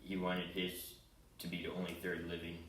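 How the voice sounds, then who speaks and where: Low-voiced young man, hesitant witness. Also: monotone, fairly bright tone, slight background noise. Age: young adult. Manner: halting, hesitant testimony with fillers. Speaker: mock trial witness. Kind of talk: improvised comedy sketch. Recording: roomy echo, distant mic.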